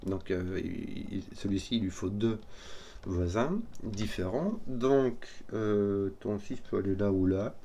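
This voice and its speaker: A man solving a number puzzle out loud, hesitant and often correcting himself as he works through it. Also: fairly low pitch, a little hiss or hum. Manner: hesitant, self-correcting, halting. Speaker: puzzle solver. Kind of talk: thinking aloud while solving a puzzle.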